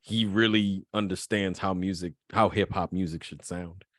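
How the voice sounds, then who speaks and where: A man co-hosting a podcast, low in pitch, talking eagerly with plenty of restarts and questions for the others. His voice sounds close and completely dry. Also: steady tone, moderate pace, a bit bright, dry recording. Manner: enthusiastic, full of fillers and restarts, asks co-hosts questions. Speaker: podcast co-host. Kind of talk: casual podcast chat about hip hop.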